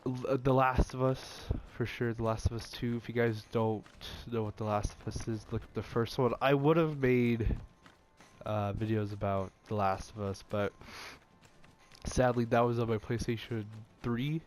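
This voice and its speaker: With a mid-range, slightly mellow voice and fairly even intonation, a young gaming channel host chats at a moderate pace about video games. His nose sounds stuffy, and he rambles, restarting often and using many fillers. A faint hiss or hum is audible.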